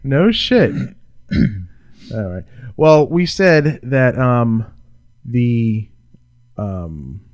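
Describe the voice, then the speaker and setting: A man's voice: mid-range voice, animated, extremely slow, pauses often, a little mellow, no echo, lo-fi sound. Man bantering casually in a dry studio. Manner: blunt, teasing, informal. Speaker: podcast co-host.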